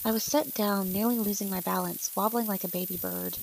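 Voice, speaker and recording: A woman's voice: mid-range voice, fairly even intonation, brisk, gravelly, darkish tone, slight background noise, low-quality recording. A woman reading a first-person story aloud and speaking the characters' lines in nearly her own voice. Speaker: narrator.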